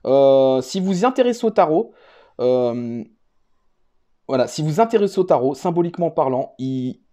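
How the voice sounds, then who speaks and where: A man's voice: a little high, animated, moderate pace, mellow. A man, casually presenting his tarot cards, hesitant with many fillers and restarts. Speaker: YouTuber presenting his card games. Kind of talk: casual show-and-tell talk.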